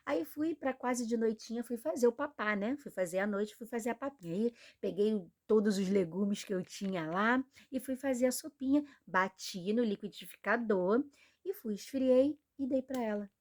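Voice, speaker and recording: A woman's voice: a little high, normal speed. A young woman with a Brazilian Portuguese accent preaching a sermon in an earnest, conversational way, often checking in with her listeners. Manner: earnest, conversational, frequent tag questions.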